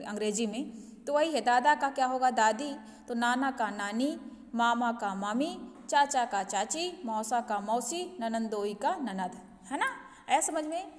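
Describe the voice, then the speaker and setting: A woman's voice: sits high, in a large hall. A woman schoolteacher explaining a lesson to her pupils, checking in often and mixing English words into her talk. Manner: repeats "ठीक है ना" as a check-in with pupils; mixes English words into Hindi teaching. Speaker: school Hindi teacher. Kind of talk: online class lesson explanation.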